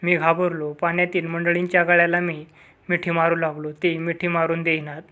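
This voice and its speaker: A man reading a first-person story aloud in a steady narrating manner. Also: on the high side, normal speed.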